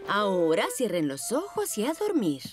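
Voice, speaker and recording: Gentle, animated cartoon mummy pig. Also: female voice, medium pitch, moderate pace, music in the background. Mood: gentle, sensible.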